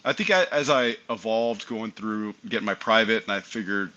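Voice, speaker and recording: A middle-aged man, an airline pilot guest on an aviation podcast, telling his story in an animated, conversational way. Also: on the low side, normal speed, dull audio. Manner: animated, acts out remembered dialogue. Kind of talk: casual interview storytelling.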